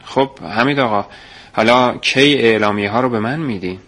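A man's voice: medium pitch, a bit bright, lightly acted. Type: eager startled youth, read by a male narrator. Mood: surprised, eager. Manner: surprised, questioning. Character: startled young man, eager and unsure.

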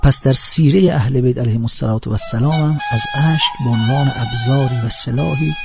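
A man's voice: medium pitch, gravelly. A man giving an earnest, emphatic religious lecture. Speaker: religious speaker. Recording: music playing under speech.

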